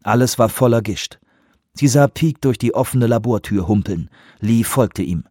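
A man narrating an action scene in an audiobook with steady, tense storytelling. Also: mid-range voice, moderate pace, dry recording, clean studio sound.

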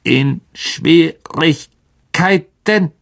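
Aragog, a man doing a slow, creaky ancient spider. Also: a little high, pitched above the performer's own voice, heavily acted. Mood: wary. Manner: drawn-out, slow, raised voice. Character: ancient blind male giant spider, irritable.

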